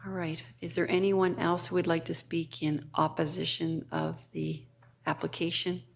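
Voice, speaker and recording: A woman's voice: fairly low pitch, flat delivery, moderate pace, creaky, a little hiss or hum. A woman chairing a city council public hearing, running procedure plainly.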